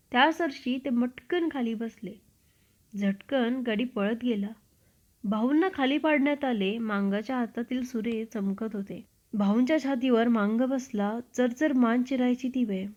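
A woman storyteller reading a classic book aloud in a measured, expressive narration. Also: on the high side. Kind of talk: literary narration. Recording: dull lo-fi recording.

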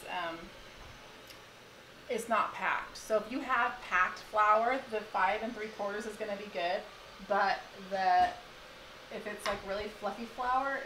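A woman's voice: mid-range voice, fairly bright tone, a little hiss or hum, low-quality recording. A woman in her thirties chatting casually while demonstrating a recipe in her home kitchen, giggling and wandering into asides. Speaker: home cooking host.

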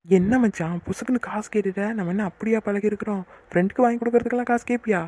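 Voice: medium pitch, fairly even intonation, racing, a little mellow, natural voice. A voice actor playing a cheeky young male friend in a cartoon who wheedles favours. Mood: wheedling. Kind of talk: cartoon voice acting.

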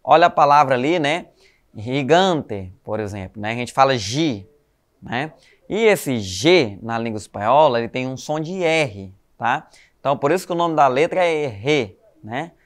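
In a recorded online Spanish class for schoolchildren, a man speaks at medium pitch in an animated way, with a Brazilian Portuguese accent. His explanations are patient and full of "né?" and "tá?" tags, and he addresses the kids as "galerinha" while spelling letters slowly.

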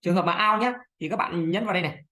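Speaking fast with a fairly low voice, a video editing tutor guides viewers through a screen-recorded software tutorial. She's chatty, full of little fillers, and keeps saying "đây này" to point things out as she clicks around.

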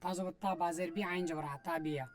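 In a spelling drill for Quran reading, a Bangladeshi-accented man goes letter by letter through Arabic letters and vowel marks. He sounds high-pitched and steady, with a quick pace, and is patient and repetitive as he speaks directly to viewers.

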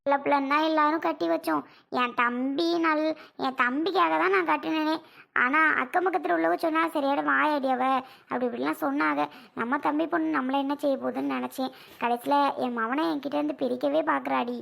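A woman's voice: sits high, steady tone, fairly quick, gravelly, fairly bright tone, full character voice. A woman voicing an older cartoon mother who lectures, pleads and laments in a scolding way. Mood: lamenting. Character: older mother, lecturing and grieving over her son. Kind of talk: cartoon voice acting.

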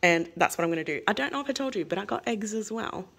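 An Australian woman in her thirties, chatting through a grocery haul for her family vlog in a rambling, fast way with small laughs. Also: medium pitch, animated, gravelly, a bit bright. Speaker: family vlogger.

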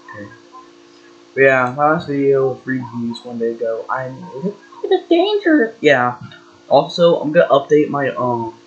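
Young male vlogger, rambling and hesitant, dull lo-fi mic. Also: medium pitch. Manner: rambling, hesitant with many fillers. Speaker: gaming channel host. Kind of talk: casual vlog chat.

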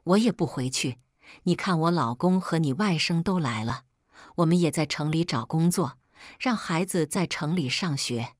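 A woman's voice: sits low, animated, normal speed, no echo, clean studio sound. A woman reading a story, voicing a stubborn, pouting young sister-in-law.

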